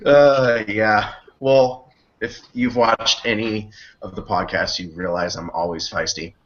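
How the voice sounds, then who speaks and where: A man's voice: fairly low pitch, steady tone, slow pace, fairly bright tone. A man hosting a casual sports podcast, teasing his guests and laughing often. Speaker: podcast host. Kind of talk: casual chat. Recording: muffled lo-fi call audio.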